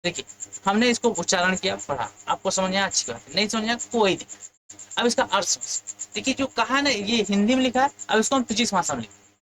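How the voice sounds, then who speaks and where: A man's voice: high-pitched, lively intonation, fast, a bit bright, slight background noise, rough recording. A male physics teacher leading an exam lesson. He keeps asking his students questions and then answers them himself.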